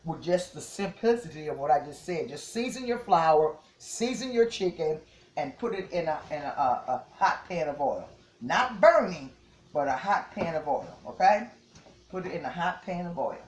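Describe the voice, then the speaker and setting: A woman's voice: deep voice, lively intonation, normal speed, echoey room. A woman, chatting casually to viewers as she cooks at home and often repeats "yes, yes" and "okay?". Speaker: home cook. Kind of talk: casual cooking demonstration. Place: home kitchen.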